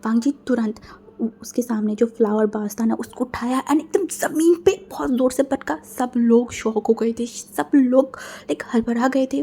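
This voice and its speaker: A woman's voice: a little high, mellow. A woman narrating a fan-fiction story in a chatty, casual way, often dropping English filler words.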